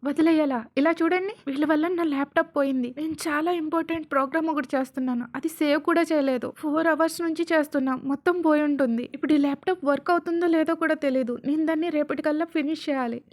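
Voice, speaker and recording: A hot-tempered young man shouts and scolds, loud and high-pitched, as a woman narrator puts him on. The voice stays sharp with anger. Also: steady tone, fast, hardly any pauses, natural voice. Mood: shouting angrily.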